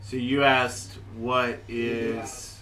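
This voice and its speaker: A man narrating a tabletop game as game master, improvising haltingly as he searches for descriptive words. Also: mid-range voice, flat delivery, bright, forceful tone, distant mic, a little hiss or hum.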